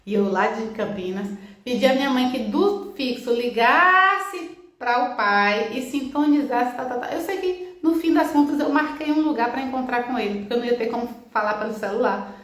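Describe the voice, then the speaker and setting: A middle-aged woman gives a motivational talk, telling personal stories as a lively storyteller. She acts out the dialogue and repeats key phrases. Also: on the high side, moderate pace. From Bahia, Brazil. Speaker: self-help speaker. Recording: roomy echo.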